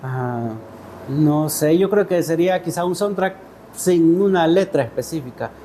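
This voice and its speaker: Answering interview questions with care and hesitation, this Salvadoran-accented writer and poet tends to end his phrases with questioning tags. He sounds a little high and dark-toned at a measured pace, with a bit of hiss or hum in the audio.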